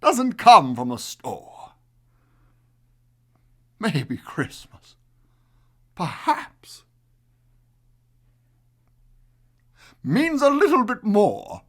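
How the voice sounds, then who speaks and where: A man voicing a sly, gloating Grinch-like creature for a storybook, with a slick, drawn-out way of talking. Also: sits high, huge pitch swings, exaggerated voice. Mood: puzzled, dawning. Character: sly male Grinch, gloating and slick-tongued Christmas thief. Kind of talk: storybook character voice.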